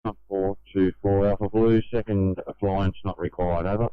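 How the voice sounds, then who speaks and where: A man's voice: sits low, steady tone, normal speed, clean tone, dry recording. Australian man on crackling two-way radio. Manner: terse, clipped call codes. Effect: two-way radio with static bursts. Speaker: fire crew member on radio. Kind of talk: radio call procedure. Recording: narrow tinny radio transmission.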